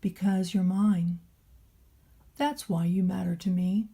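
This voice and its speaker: A gentle old-world craftsman from a children's storybook, voiced by a woman. The delivery is slow, tender and thoughtful, with a mellow, breathy tone that reassures. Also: fairly low pitch, fairly even intonation, exaggerated voice. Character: large bearded craftsman, gentle, loving, reassuring maker.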